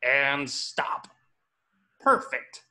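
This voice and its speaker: A tiny, grandiose cartoon plankton villain, piercingly sharp and very slow. He is pompous and theatrical, with a raised, widely swooping pitch. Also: big pitch swings, exaggerated voice. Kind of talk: cartoon script table reading.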